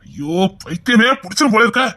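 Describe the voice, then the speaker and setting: A man's voice: high-pitched, animated, a little fast, sharp tone. An actor with a Tirunelveli Tamil accent playing a harried, worried father who talks to himself in exasperation in a TV serial. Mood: exasperated. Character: harried middle-aged father, torn and worried. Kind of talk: TV serial acting.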